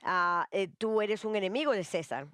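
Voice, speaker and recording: A woman's voice: medium pitch, moderate pace, fairly bright tone, dry recording. A woman giving a live interpretation of a sermon, hesitant, with frequent fillers and restarts.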